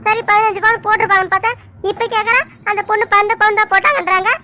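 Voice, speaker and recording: A woman voicing a loud, bossy village mother-in-law in a cartoon, shouting and nagging in village Tamil speech. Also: fairly even intonation, racing. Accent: Tamil Nadu village speech. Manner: shrill, bossy, shouts and nags. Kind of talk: cartoon dub acting.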